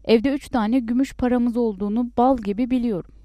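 A woman's voice: fairly high pitch, fairly even intonation, brisk, mellow, dry recording, close to an everyday voice. A woman voicing a stubborn, pleasure-loving young peasant husband in a storybook, talking insistently. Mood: defiant. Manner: insistent, defiant.

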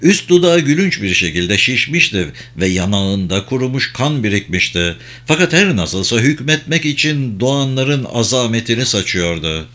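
A man reading a story aloud as an audiobook, in measured, dramatic scripted narration. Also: medium pitch, very animated, pushed and bright.

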